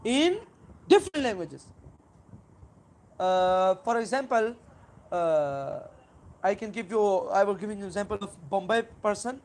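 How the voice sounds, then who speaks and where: Halting Pakistani-accented live streamer, emphatic in bursts. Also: medium pitch, lively intonation, a little mellow. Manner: halting, repetitive, with searching pauses and emphatic bursts. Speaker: live stream host replying to a viewer. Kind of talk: unscripted religious argument to viewers.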